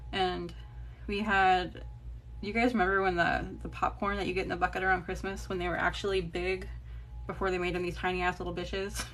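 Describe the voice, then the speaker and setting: A woman's voice: lowish voice, a bit bright, slight background noise. Chatty woman in her thirties, rambling. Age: 30s. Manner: chatty, rambling, laughs often, swears casually. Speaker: TikTok live crafter. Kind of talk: casual chat while crafting. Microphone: phone.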